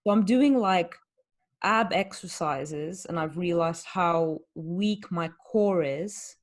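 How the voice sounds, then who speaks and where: Woman, lowish voice, fitness coach, podcast host, candid casual chat. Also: slow pace. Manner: candid, explanatory, uses rhetorical questions.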